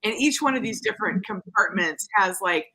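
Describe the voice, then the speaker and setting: A woman co-hosting a film podcast, talking casually with animated, conversational enthusiasm. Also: medium pitch, brisk, husky, rough recording. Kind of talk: casual chat about cult movies.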